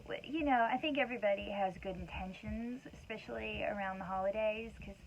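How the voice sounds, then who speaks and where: Her gravelly, mid-range voice moves fairly quickly as this wellness talk host, a woman and mother, gives a rambling, casual motivational talk dotted with conversational asides. The recording is dull and lo-fi, with faint background noise.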